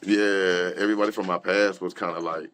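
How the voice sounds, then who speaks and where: A man's voice: low voice, steady tone, brisk, a bit bright, slight background noise. A young man, a rapper and guest, telling his personal story candidly in loose conversational talk with many fillers and restarts. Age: young adult.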